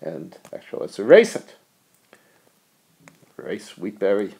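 A middle-aged man teaches economics in a recorded video lecture, playful and full of jokey asides. His voice is gravelly and a little husky. His pitch swings widely as he talks. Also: wildly swooping pitch, measured pace, darkish tone. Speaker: economics professor. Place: US college.

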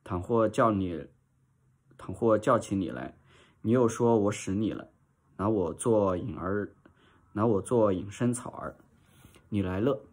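A man's voice: lowish voice, a little slow, long pauses, darkish tone. A man voicing a greedy, muddled old female servant in a storybook reading, speaking in a stubborn, scolding way.

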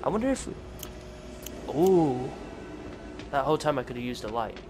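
A man giving gameplay commentary, excitably talking to himself and to the enemies as he plays. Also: mid-range voice, normal speed, background noise. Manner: excitable, talks to himself and the enemies while playing. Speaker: gaming video creator.

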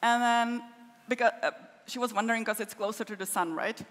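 This conference keynote speaker has a fairly high, fairly bright voice and talks briskly, fielding audience questions with casual humor. A stage mic carries her through a large wooden concert hall with listeners present, and the room's echo is audible.

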